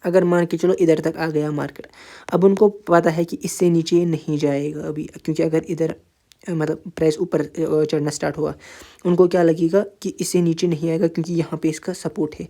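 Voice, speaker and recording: A man walks through a trading chart in a casual tutorial and addresses the listener directly. His voice is warm and mellow rather than bright. He repeats himself often and pads his sentences with fillers. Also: on the high side, little pitch movement. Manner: informal, repetitive, addresses viewer directly, many fillers. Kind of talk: casual screen-share tutorial.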